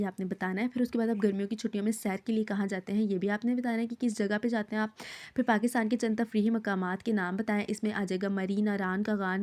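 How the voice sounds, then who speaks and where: A woman's voice: medium pitch, a little mellow. A woman teacher from Pakistan leads a recorded Urdu lesson for her students. She reads the text aloud, explains each hard word in plain terms and keeps checking with "okay?".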